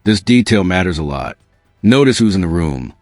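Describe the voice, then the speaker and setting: A man's voice: low voice, sing-song, normal speed, darkish tone, faint music behind. A man narrating scripted legal commentary, punchy and dramatic, addressing viewers directly.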